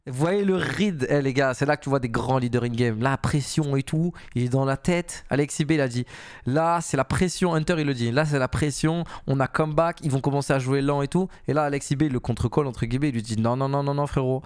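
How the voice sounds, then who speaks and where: A young man streaming a casual reaction, talking in a slangy, excitable way with frequent exclamations and repeats. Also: medium pitch, a little fast, no room sound, clean studio sound. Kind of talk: casual live reaction commentary.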